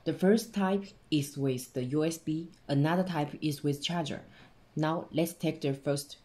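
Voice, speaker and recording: A man giving a hands-on tutorial, explaining each step in halting, simple phrasing as he demonstrates a device. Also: fairly high pitch, warm tone. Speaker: product demonstrator.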